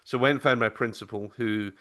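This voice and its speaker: A man's voice: mid-range voice, fairly even intonation, fast, fairly bright tone. A male podcast host and former teacher, interviewing a guest in an earnest, storytelling way. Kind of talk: casual interview talk.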